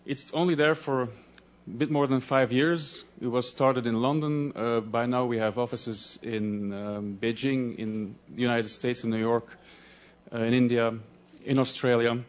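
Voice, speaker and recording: A Dutch-speaking Belgian man gives a conference presentation haltingly, frequently restarting while he searches for words. His voice is mid-range with fairly even intonation.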